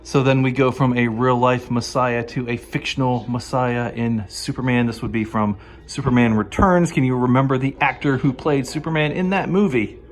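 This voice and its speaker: A man's voice: medium pitch, normal speed. Chatty man touring a wax museum. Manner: chatty, quizzes viewers with questions; hesitant, frequent fillers and restarts. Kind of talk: casual walk-through commentary.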